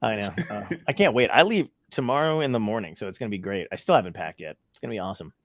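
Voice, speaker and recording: A man's voice: fairly low pitch, animated, rapid-fire, no echo, clean studio sound. A man hosting a casual talk show, telling stories animatedly with frequent swearing and laughter. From from outside California. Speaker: podcast host. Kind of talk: casual chat.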